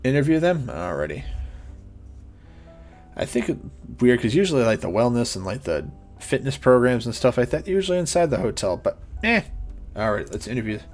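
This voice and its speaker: A man's voice: mid-range voice, sing-song, normal speed, pauses often, soft background music. A male streamer reading a visual novel aloud for his chat, with casual, joking asides to his viewers.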